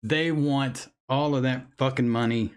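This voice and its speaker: A man's voice: medium pitch, steady tone, unhurried, clear, resonant tone. A man hosting a casual live chat, angry, blunt and swearing as he talks. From United States. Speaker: vape channel host. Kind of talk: casual livestream chat reading chat.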